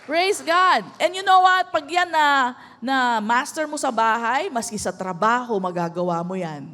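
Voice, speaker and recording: High-voiced Filipino woman pastor preaching. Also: expressive. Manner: switches between Tagalog and English, asks the crowd for amens; slows right down and softens on key lines, then rises loud. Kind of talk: sermon. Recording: long hall reverb.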